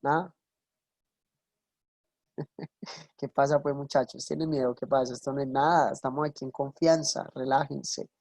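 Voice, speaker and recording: A woman's voice: very deep voice, fairly even intonation, moderate pace, pauses often, darkish tone, dry recording. A woman teaching an online English class in Spanish, coaxing and affectionate, explaining pronunciation with examples. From Colombia.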